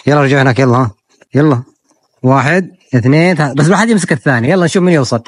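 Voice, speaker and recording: A woman's voice: rumbling low, very fast, slightly rough, no echo. A woman filming a casual family vlog, coaxing the children along with playful, admiring exclamations.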